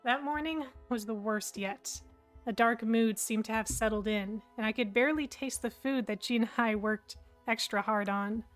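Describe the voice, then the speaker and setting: A woman tells a story in the first person, in a reflective and steady way. Her voice sits a little high, with faint music behind it. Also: moderate pace. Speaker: narrator.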